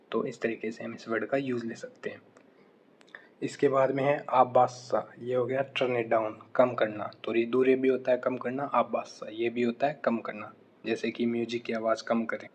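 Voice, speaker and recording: A man teaching vocabulary, saying each word slowly and clearly, then explaining it quickly. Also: mid-range voice, muffled recording, slight background noise. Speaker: language teacher. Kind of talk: vocabulary lesson.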